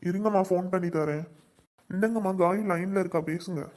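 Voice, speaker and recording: A woman's voice: on the low side, brisk, a little mellow, lightly acted. A woman playing a mild-mannered son caught between wife and mother in a comedy sketch, soothing and placating.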